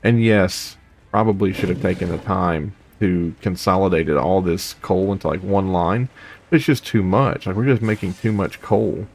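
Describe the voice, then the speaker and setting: Low gravelly man rambling over gameplay. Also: moderate pace, soft background music. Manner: rambling, chatty, hums to himself. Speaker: gaming video host. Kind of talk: casual let's play commentary.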